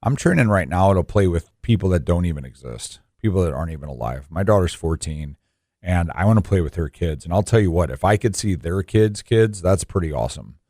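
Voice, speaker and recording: A man's voice: low-pitched, lively intonation, brisk, dark tone, no echo, studio quality. A man of forty co-hosting a radio show, talking informally and emphatically, repeating phrases for stress. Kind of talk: conversational radio talk with personal asides.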